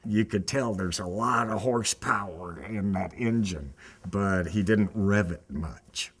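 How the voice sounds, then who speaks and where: A man with a husky, fairly low voice talks casually in an interview. His pace is slow.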